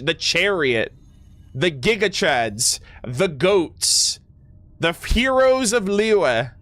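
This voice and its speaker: Pitched fairly high with a slightly bright tone, this male streamer is heard on a dry recording. Reacting to a video game, he keeps his commentary loose and excited, full of slang, frequently stumbling as he talks and reading on-screen text aloud.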